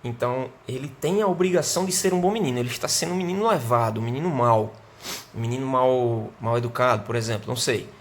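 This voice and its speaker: A Brazilian man with a Brazilian Portuguese accent and a medium-pitched voice teaches an English grammar lesson online. He explains patiently, keeps asking "né?" and "certo?", and slows down to model the English sentences.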